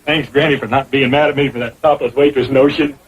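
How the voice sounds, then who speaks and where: A man's voice: mid-range voice, fairly even intonation, fast talker, breathy edge, lightly acted. An actor playing a naive, boastful young hillbilly man with a rural Southern drawl and a folksy, cocky way of talking. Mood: eager. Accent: rural Southern American. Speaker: restaurant owner. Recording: dull 1960s TV audio, loud laugh track.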